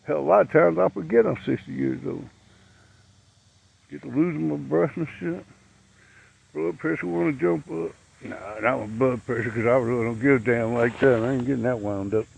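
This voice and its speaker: A man's voice: mid-range voice, moderate pace, gravelly, a little mellow, breathy edge, rough recording. A man, ranting bluntly and profanely to camera outdoors as a vlogger. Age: 60s.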